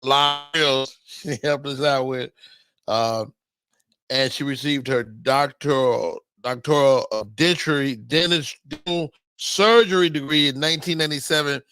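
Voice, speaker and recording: A man hosting a casual interview show, joking and excitable, often tripping over his words. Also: medium pitch, a little slow, clean tone. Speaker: host.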